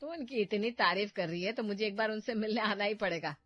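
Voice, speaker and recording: A woman voicing a meddling, domineering middle-aged mother who loudly stirs up trouble in her family. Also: medium pitch, fairly quick, dull audio, faint music behind, lightly acted. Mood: sweetly scheming.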